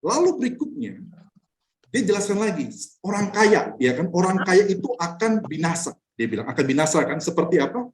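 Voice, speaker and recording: A male pastor teaching a Bible study in a loose, conversational way, speaking. He talks fast and his pitch swings widely. He is blunt and keeps throwing rhetorical questions at his listeners. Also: very animated. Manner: chuckles between points. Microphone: online class recording.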